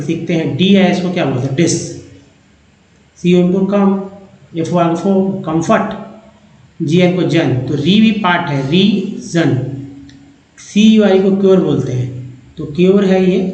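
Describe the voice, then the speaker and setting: A man teaching English reading, going through a slide part by part, slowly repeating each sound and word and calling his viewers friends. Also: fairly high pitch, a little mellow. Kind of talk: slide-based phonics lesson. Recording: echoey dull-sounding room recording.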